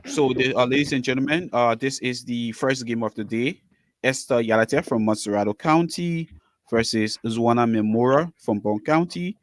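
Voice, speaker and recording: A man's voice: medium pitch, normal speed, dry recording. A man from Liberia moderating a quiz, announcing scores and questions in a firm, insistent way.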